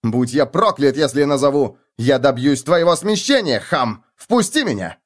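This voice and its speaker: A male reader gives a haughty young nobleman his voice in this audiobook, nasal and imperious. The lines ride high and swing with lively pitch, full of lofty disdain. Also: normal speed, natural voice. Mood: indignant. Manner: nasal, arrogant, commanding. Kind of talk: audiobook character voice.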